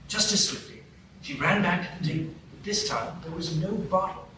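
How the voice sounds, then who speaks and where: In a live radio play, a man narrates a fairy tale with a wry storyteller's touch, his high voice animated and at normal speed. The room is very echoey, the mic sits far away, and there's background noise.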